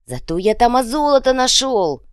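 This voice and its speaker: Figure: a crude, scrappy goblin-like fighter, always hungry and whining, voiced by a woman. He yells and squeals in a high, lively pitch that swings all over. A dry, clear studio audiobook sound. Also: moderate pace, dry recording. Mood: hungry, shouty. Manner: crude, yelling, whiny.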